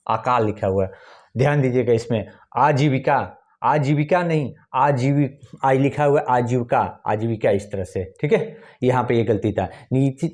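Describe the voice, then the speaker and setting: A man teaches an exam-prep lesson in a mid-range, darkish voice, repeating key points and spelling words out syllable by syllable. He addresses viewers as friends and urges them to pay attention.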